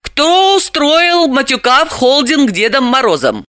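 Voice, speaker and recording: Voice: high voice, very animated, unhurried, bright, forceful tone, dry recording, studio quality, pitched above the performer's own voice, heavily acted. An audiobook narrator voicing a bold young woman, emphatic and indignant. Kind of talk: audiobook character voice.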